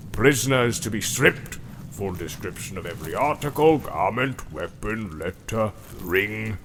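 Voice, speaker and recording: A man voicing a snarling, brutal male orc captain with a growling, gravelly voice. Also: on the low side, a bit bright, a little hiss or hum, pitched below the performer's own voice. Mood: stern.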